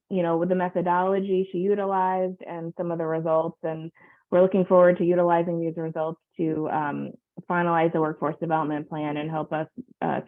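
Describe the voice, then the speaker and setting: A woman chairs a public board meeting from a video call and works through the agenda with plenty of ums. Her voice has a gravelly edge. The sound is tinny and phone-like. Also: fairly low pitch. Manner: procedural, many fillers.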